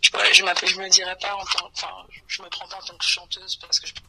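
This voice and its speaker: A woman's voice: lowish voice, completely flat delivery, fast talker, pushed and bright. A young woman from Paris, a guest singer on a radio interview, speaking hesitantly and modestly, a little tired. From France (Paris).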